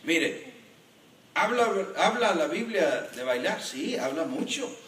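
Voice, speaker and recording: A man, a pastor, preaching a sermon in an animated way and joking with the congregation. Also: a little high, slow, crowd noise. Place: church. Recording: echoey church hall from a distance.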